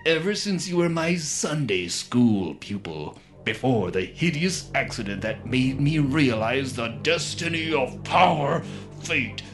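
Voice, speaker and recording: A slow, pompous cartoon supervillain. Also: male voice, medium pitch. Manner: pompous, deliberate. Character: gloating, grandiose male supervillain mastermind. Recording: music behind the voice. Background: music.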